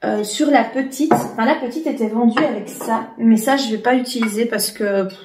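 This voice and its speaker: A woman's voice: on the high side, moderate pace, a little mellow, echoey room. A woman in her late thirties chatting casually in a vlog, with lots of fillers and restarts. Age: 30s. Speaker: vlogger. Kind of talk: casual chat.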